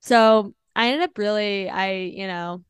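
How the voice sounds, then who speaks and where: Podcast guest, woman in her thirties, candid and rambling, swears easily; smooth tone, dry close recording. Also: medium pitch, measured pace, no echo. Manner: rambling, frank, swears freely, laughs at dark moments. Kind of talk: candid personal storytelling.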